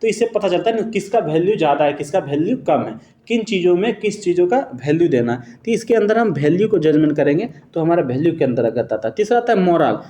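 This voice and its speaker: A man teaching exam-prep material, explaining each answer choice patiently and tossing rhetorical questions at his students. His voice sits slightly high but sounds dark and mellow. The room around him is echoey. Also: lively intonation, quick pace. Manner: corrects himself mid-sentence; addresses students fondly as "babu".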